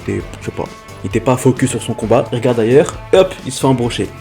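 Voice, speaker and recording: A man's voice: mid-range voice, expressive, quick pace, warm tone. Man, film reviewer, casual monologue, blunt and slangy, faint background music. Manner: blunt, slangy, exasperated ranting.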